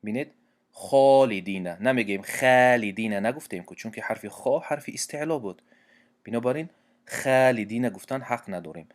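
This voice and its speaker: A man with a Tajik accent gives a religious recitation lesson at an ordinary pitch. He explains each rule patiently, repeating his points and pausing often to find his words. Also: lively intonation, a little mellow. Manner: patient, repeats points and examples, frequent hesitations. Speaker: Quran recitation teacher.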